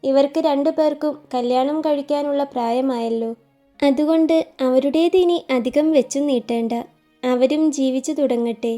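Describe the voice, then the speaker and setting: A woman's voice: sits high, moderate pace, dark tone, soft background music, lightly acted. A woman narrator voicing a father, speaking firm and matter-of-fact. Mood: decisive. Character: decisive father arranging weddings.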